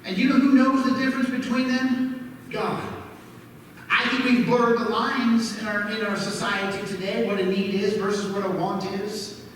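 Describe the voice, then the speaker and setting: A middle-aged man preaches a sermon, mixing personal memories with questions put to the congregation. His voice sits very high and is picked up from a distance. A long, echoing church reverb hangs over every phrase, with a faint hiss beneath. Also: little pitch movement, moderate pace. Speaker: pastor. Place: church sanctuary. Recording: echoey church hall from far off, faint noise.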